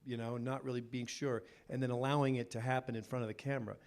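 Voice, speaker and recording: A man speaks on a festival film panel in a middle-pitched voice. He tells candid, frank anecdotes with a storyteller's rhythm and plenty of restarts as he thinks aloud. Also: level tone, fast, darkish tone, clear, resonant tone. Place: cinema cafe panel.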